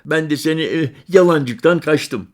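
A man voicing an eager, talkative young village boy in an audiobook story, speaking high and excited. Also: unhurried, close to an everyday voice. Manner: high, bright, excited and insistent.

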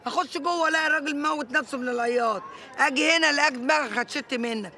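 An actress playing an earthy, blunt working-class older sister, scolding in Egyptian Arabic. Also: female voice, high voice, racing, sharp tone. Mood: exasperated. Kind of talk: TV drama acting.

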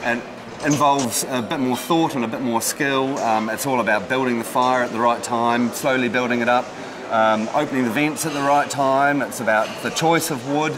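Middle-aged New brewer, noisy brewhouse. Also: male voice, mid-range voice, normal speed. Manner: steady, with many ums and restarts. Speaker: head brewer. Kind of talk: documentary interview. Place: brewhouse beside a brick kettle.

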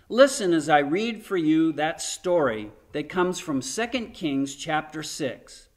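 A man's voice: on the high side, fairly bright tone. An older man giving a sermon from home into a webcam, retelling a scripture story with earnest emphasis. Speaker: pastor. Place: home room in front of a framed painting.

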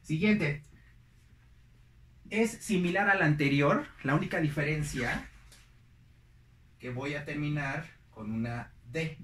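A man's voice: on the high side, takes it slowly, long pauses, a bit bright, echoey room, a little hiss or hum. A young man teaching English pronunciation, repeating each word several times with stress. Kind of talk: slow, deliberate pronunciation lesson.

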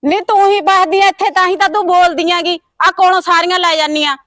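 High quick punjabi woman playing a daughter-in-law, bickering and scolding nonstop, dry close sound. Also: fairly even intonation, a bit bright, dry recording. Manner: quarrelsome, fast scolding. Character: sharp-tongued village daughter-in-law accusing a neighbour. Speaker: actor in a village short film.

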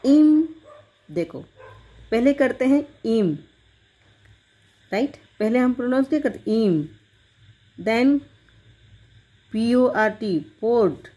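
A woman teaching an English grammar lesson, explaining slowly and deliberately and switching between Hindi and English. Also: fairly high pitch, warm tone.

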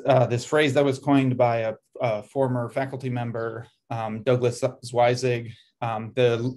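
A middle-aged man at a desk in an indoor room gives a presentation over shared slides on a video call. His voice is an ordinary middle pitch and a little mellow, and he thinks aloud in loose sentences, often correcting himself and filling gaps with um.

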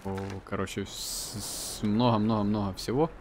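A low male voice chats casually over clearly audible game noise. He is a let's player narrating his own play. His remarks are offhand and muttered, as if to himself. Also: fairly even intonation, normal speed. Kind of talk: casual gameplay commentary. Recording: game ambience and noise behind.

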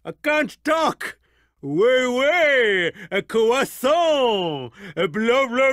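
Pompous, party-mad lemur king for animated game; very high, drawn-out, swooping delivery. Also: dry recording, clean studio sound, exaggerated voice. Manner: theatrical, pompous, childishly gleeful. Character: vain, excitable, party-loving lemur king. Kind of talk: animated video game cutscene acting.

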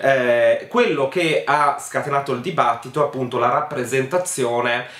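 A man's voice: medium pitch, moderate pace, fairly bright tone. Male commentator, casual critical talk, hesitant delivery, recorded in an echoey room. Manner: hesitant, many fillers, critical. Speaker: video essayist.

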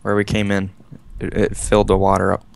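A man's voice: on the low side, monotone, brisk, vocal fry. A man playing a game with friends, chatting casually and reading in-game text aloud dramatically. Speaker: game player. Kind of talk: casual gaming chat.

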